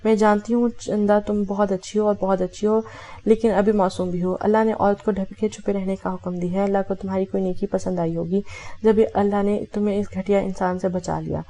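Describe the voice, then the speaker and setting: A woman's voice: mid-range voice, flat delivery, dark tone. A woman reading a romance novel aloud, voicing every character in her own voice with small self-corrections. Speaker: audiobook narrator.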